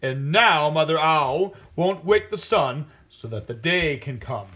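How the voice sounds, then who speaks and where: A man acts out a commanding lion king from an animal folk tale. He addresses his council in drawn-out, emphatic proclamations, with a highly animated melody. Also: a little hiss or hum. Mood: stern, accusing.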